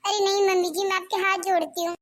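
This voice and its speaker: Picture an older cartoon mother-in-law, played by a performer in a voice pitched very high. She is bossy and nags her daughter-in-law without pause. She sounds like she is running the whole house. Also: flat delivery, fairly bright tone, no echo. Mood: soft, hurt. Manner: scolding, nagging. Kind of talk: comedy cartoon dub.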